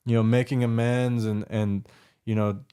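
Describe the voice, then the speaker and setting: Male podcast host, mellow dark voice, chill encouraging chat. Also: medium pitch, flat delivery, moderate pace, clear, resonant tone. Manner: encouraging, affirming, many yeahs. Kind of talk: casual interview chat.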